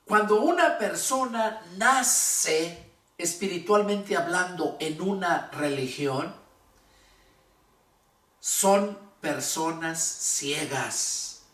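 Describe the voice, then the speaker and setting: A male pastor preaching a sermon, reading scripture and explaining it with slow, emphatic repetition of key words. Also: high voice, fairly bright tone, distant mic. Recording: echoey room, voice from afar.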